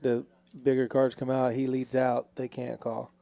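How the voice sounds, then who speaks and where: A man's voice: mid-range voice, monotone, normal speed, gravelly, warm tone. A man hosting and giving casual live commentary on a poker game.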